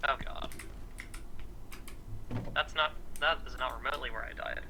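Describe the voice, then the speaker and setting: A man's voice: medium pitch, steady tone, moderate pace, noisy background. A man in casual gaming chat with friends, laid-back and wry about his mistakes. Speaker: co-op game player.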